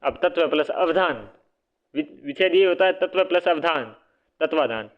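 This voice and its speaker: Guy teaching spelling for exams, kinda high voice, asks "what'll it be?" over and over, sounds like a phone line. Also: animated, normal speed. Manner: repeats words, quizzes listeners with "what will it be?"; self-correcting, casual asides. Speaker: Hindi grammar teacher. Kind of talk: online exam-prep lesson. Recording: phone-like narrow band audio.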